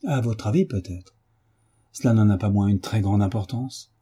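A man voicing a calm, ironic detective in an audiobook reading, with a dry, teasing manner. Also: on the low side, moderate pace, husky.

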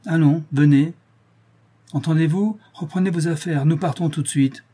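A man's voice: on the high side, moderate pace, mellow, slightly rough. A man reading the part of a stern, pompous old nobleman ordering his daughter home, coaxing and commanding by turns.

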